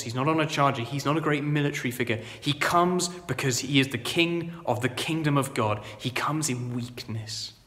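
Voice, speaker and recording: A man preaching a sermon, earnest and conversational, moving between loud proclaiming and quiet reflection. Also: mid-range voice, long reverb tail. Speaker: vicar. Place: church.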